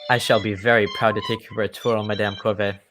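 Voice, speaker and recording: An actor playing a genial, chivalrous older English gentleman doctor with hearty old-fashioned politeness in a radio drama. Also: on the low side, little pitch movement, quick pace, music in the background, close to an everyday voice. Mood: courteous, pleased.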